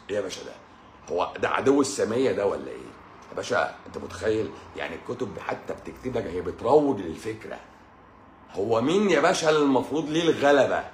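A man with an Egyptian accent, a doctor giving an informal live-stream health talk, emphatic and repetitive and addressing the listener directly. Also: mid-range voice. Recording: roomy echo, faint background noise.

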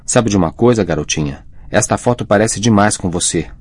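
A cruel werewolf , as a male narrator puts him on, threatens in a slow, hushed rasp, pitched deep below an ordinary man's voice. The storybook reading is dry and close, with no room sound. He gloats more than he shouts. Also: no echo. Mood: menacing. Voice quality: rasping, hushed menace.

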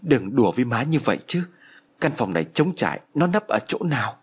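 A man's voice: mid-range voice, sing-song, brisk, slightly rough. A man voicing an emotional middle-aged mother in an audio ghost story, speaking in a pleading, raised voice. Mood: disbelieving.

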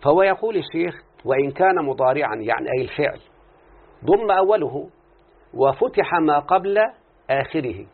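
An expressive Egyptian-accented teacher, his voice on the high side and breathy, moves at a moderate pace through a text in his Arabic morphology class. He quizzes students nonstop with short questions, and the recording sounds tinny and phone-like.

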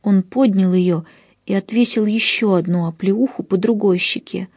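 A woman narrating an audiobook in the first person, with an expressive storytelling delivery on a close mic. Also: mid-range voice, moderate pace, dry recording.

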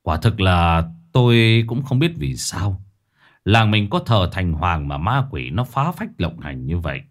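A man voicing a village sorcerer who speaks plainly and gruffly. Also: low voice, very animated, a little slow, full character voice. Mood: calm.

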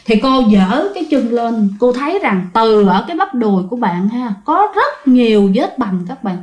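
Brief: woman, fairly high voice, chatty storyteller talking to listeners, roomy echo. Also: big pitch swings, normal speed, a little mellow. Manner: chatty, addresses listeners directly, many fillers. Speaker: ghost story teller. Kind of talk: conversational storytelling.

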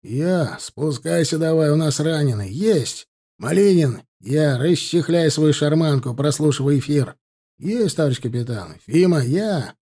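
A man voicing a boisterous, hearty army captain who exclaims loudly and roughly. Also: a little high, animated, a little slow, exaggerated voice. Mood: commanding.

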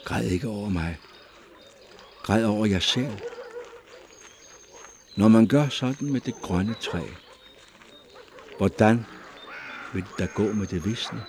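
A man voicing a solemn, gentle but stern prophet in an audiobook, declaiming slowly. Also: on the low side, a little hiss or hum, close to an everyday voice.

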